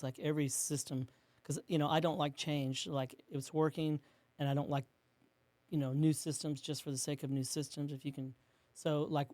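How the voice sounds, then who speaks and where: A man, a business co-owner, telling a rambling story in an interview and acting out quotes in a hushed voice. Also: a little high, no room sound. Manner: rambling, with many restarts and fillers.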